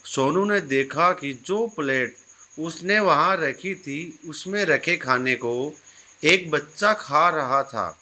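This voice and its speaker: Male storyteller, calm and measured, slow delivery, bright tone. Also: on the high side. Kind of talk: scripted moral story narration.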